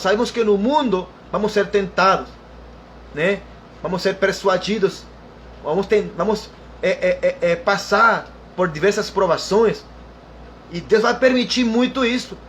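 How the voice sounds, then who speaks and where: A man's voice: sits high, a little hiss or hum. A man preaching a sermon as a pastor, repeating his points with emphasis and often calling out to the brethren. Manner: repetitive, emphatic preaching with frequent "irmão" and "aleluia".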